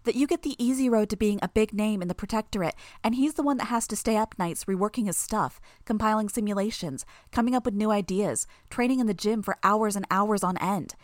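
A woman voicing a sly, fast-talking young female villain who needles and persuades, her voice pitched up. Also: no room sound, clean studio sound, natural voice. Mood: taunting.

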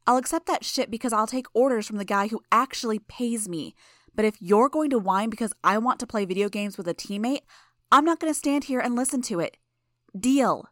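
Bratty teen girl villain, loud and mocking, high voice as a woman narrator puts her on; dry close sound. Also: normal speed, no room sound, close to an everyday voice. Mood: angry.

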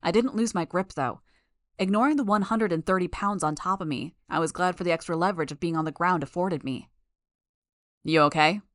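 A woman reading a first-person story aloud in a steady, measured way. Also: fairly low pitch, no echo. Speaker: audiobook narrator. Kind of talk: first-person audiobook narration.

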